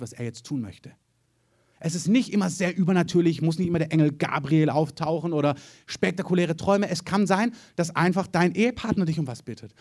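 A man preaching a sermon as pastor, telling stories and acting out the quoted voices with energy. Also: a little high. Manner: lively storytelling preacher, mimics quoted voices.

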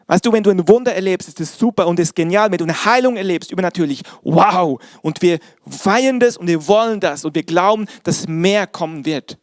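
A man's voice: high voice, fairly quick, hardly any pauses, dry recording, studio quality. A man preaching a sermon as pastor, earnest and speaking directly to his congregation.

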